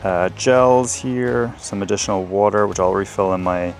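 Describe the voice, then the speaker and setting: A trail ultra runner vlogs his run mostly outdoors, chatting informally and upbeat as he thinks aloud. His voice is fairly low and his pace moderate, with music in the background.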